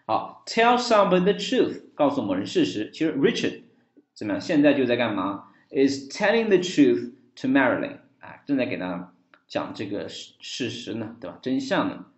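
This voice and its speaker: A male English teacher giving a language lesson on a dialogue, repeating phrases slowly to demonstrate them. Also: mid-range voice, very animated. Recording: roomy, dull lo-fi.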